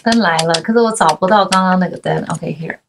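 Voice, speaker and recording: A woman in her forties, co-hosting a casual talk show, telling stories in a lively way and mixing in English words. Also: on the low side, quick pace, creaky, background noise. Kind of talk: casual chat.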